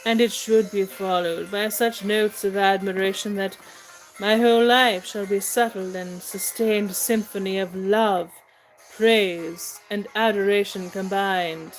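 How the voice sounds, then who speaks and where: Woman as impulsive young male suitor, comic stage play, effusive declamation, unhurried pace, faint background music. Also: medium pitch, fairly even intonation, lightly acted, rough recording. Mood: passionate. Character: ardent, lovestruck young gentleman suitor, florid and impulsive.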